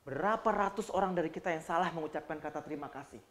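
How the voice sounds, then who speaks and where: Joking, animated male cabin-crew trainer. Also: on the high side, fast. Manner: animated, joking, acts out examples. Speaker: flight attendant trainer. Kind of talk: training lecture to students.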